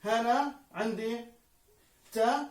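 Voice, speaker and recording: A man's voice: very high-pitched, slow. A male teacher, patiently giving a video lesson and spelling out syllables one by one for the student. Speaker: Arabic teacher. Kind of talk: video lesson on Arabic prosody. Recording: echoey room, mic far away.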